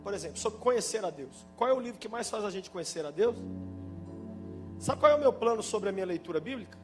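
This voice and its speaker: A man with a Brazilian Portuguese accent preaching a sermon, fervent and emphatic with sudden loud bursts. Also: high voice, animated, fast talker. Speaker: pastor. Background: instrumental music playing under the preaching.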